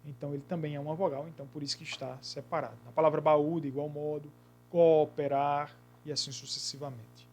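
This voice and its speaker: A man teaching a grammar lesson, explaining patiently and slowly repeating key words. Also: on the high side, flat delivery.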